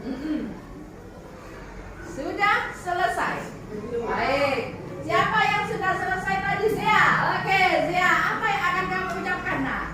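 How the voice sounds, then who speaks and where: High-voiced woman teaching a noisy, echoey class. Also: animated, takes it slowly, far from the mic. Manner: encouraging, calls on pupils by name, leads applause. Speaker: primary school teacher. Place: classroom full of children.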